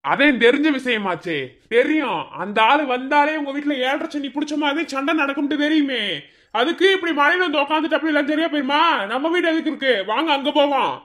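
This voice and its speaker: A woman's voice: sits high, fast talker, fairly bright tone. A voice actor playing a caring young village man in a cartoon, with a Madurai accent, insistent and pleading. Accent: Madurai Tamil.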